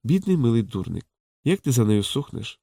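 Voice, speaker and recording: A man reading a calm, knowing courtesan in a soft, low and hushed voice. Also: normal speed, vocal fry, dry recording. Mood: teasing. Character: frank, teasing courtesan woman, calm and knowing.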